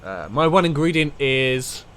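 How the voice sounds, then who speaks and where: A man's voice: mid-range voice, lively intonation, unhurried, a bit bright, smooth. A man giving casual game commentary and chat in a rambling, jokey, sweary way. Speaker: gaming streamer.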